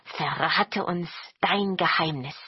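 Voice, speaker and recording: A woman voicing a crowd of eager, flattering horned goblins in a storybook reading, with a high, loud, coaxing manner. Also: slow pace, slightly rough, dry recording, highs cut off, exaggerated voice.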